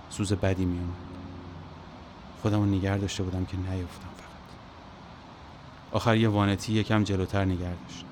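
A man narrates a first-person story in a low voice. His pacing is measured and quietly brooding, with a faint hiss beneath him.

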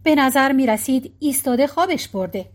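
A woman reading a novel aloud as audiobook narrator, in a calm, even storytelling manner. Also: high voice.

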